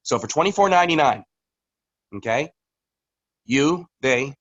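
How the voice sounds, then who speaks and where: A man's voice: mid-range voice, expressive, measured pace, a bit bright, lo-fi sound. A man, a company communications executive, giving a casual, rambling business update on a video call, with many fillers and restarts.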